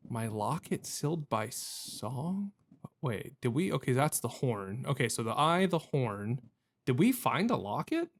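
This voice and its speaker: In a mid-range voice, a man offers relaxed let's play commentary on a video game. His thinking-aloud style is hesitant, self-questioning, and meandering.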